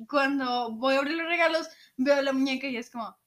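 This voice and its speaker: A woman's voice: high-pitched, a little fast, fairly bright tone. A woman co-hosting a podcast, telling a childhood story in casual chat, laughing often and acting out quotes. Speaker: podcast co-host.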